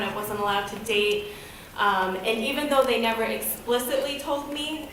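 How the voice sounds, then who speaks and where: This guest presenter is a woman in her thirties from the United States who grew up in Boston, sharing a candid, conversational personal talk at a podium in an event hall. Her voice is medium-pitched and fairly bright. The mic is far off, there's slight background noise, and the room echoes heavily.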